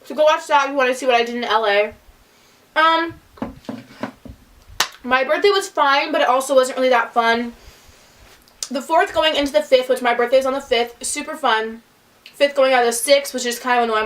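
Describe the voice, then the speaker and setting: A woman's voice: high-pitched, brisk, long pauses, fairly bright tone. A woman vlogger talking to camera in a rambling, mildly complaining way, with frequent "like" fillers. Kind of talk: casual vlog talk to camera.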